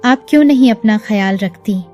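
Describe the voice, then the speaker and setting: A woman's voice: medium pitch, moderate pace, darkish tone, lightly acted. A woman storyteller voicing a grown elder son who speaks earnestly to his mother and wife. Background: faint music.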